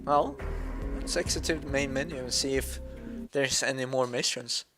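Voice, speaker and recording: Music plays under this young Swedish man's mid-range voice as he gives relaxed game commentary at a moderate pace. He's a gaming YouTuber, Swedish by birth and first language, with a clear Swedish accent. He often hesitates, using lots of fillers and restarting sentences.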